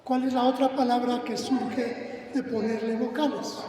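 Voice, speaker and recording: Slow preacher in an echoing church. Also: male voice, very high-pitched, level tone, a crowd in the background. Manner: teacherly, quizzes the congregation with questions. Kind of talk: teaching sermon. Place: church sanctuary. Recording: echoey hall, distant mic, congregation noise.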